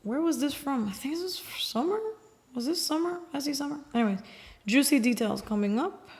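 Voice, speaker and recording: A woman's voice: sits high, fairly quick, darkish tone. Woman, nail polish reviewer, chatty and offhand, close to the mic, sometimes whispers. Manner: chatty, swears casually, sometimes drops to a whisper. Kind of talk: casual swatching chat.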